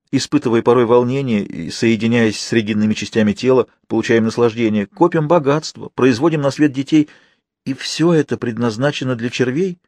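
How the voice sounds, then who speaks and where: A man's voice: medium pitch, darkish tone, no echo, studio quality, voice pushed up, natural voice. A man voicing a weary merchant's wife who longs to settle down, asking brooding questions, in an audiobook.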